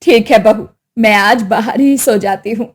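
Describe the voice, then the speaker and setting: A woman voicing a meek, gentle old mother-in-law in a storybook tale, speaking softly and pleadingly. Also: on the high side, unhurried, slightly rough, voice pushed down. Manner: soft, pleading.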